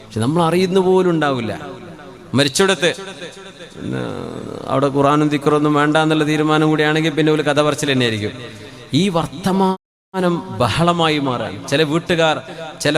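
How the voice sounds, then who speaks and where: A man's voice: on the high side, normal speed, pauses often. A male Islamic preacher, giving a sermon in a conversational, questioning way and chanting short Arabic phrases in a melodic tone. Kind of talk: Malayalam religious sermon. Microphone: microphone.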